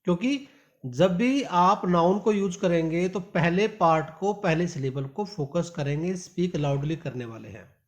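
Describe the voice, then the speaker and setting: In this spoken English lesson, an animated man with a high voice works on pronunciation, drawing out each word of his example sentences and calling students "my dear." The recording is of poor quality.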